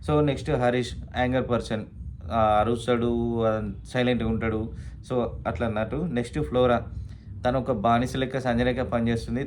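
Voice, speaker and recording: A man's voice: medium pitch, darkish tone, a little hiss or hum. A man giving a casual spoken recap of a reality show, with many fillers and English words mixed in.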